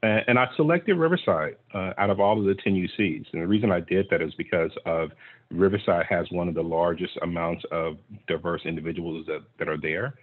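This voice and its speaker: Over tinny video-call audio, a Texan clean tech investor speaks on a panel, recounting his story in an earnest, reflective, conversational way. His voice is low and brisk with a breathy edge.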